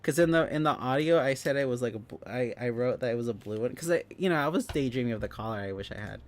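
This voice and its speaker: A man's voice: medium pitch, quick pace. A young man streaming live, chatting casually with viewers, giggling often and rambling through restarts.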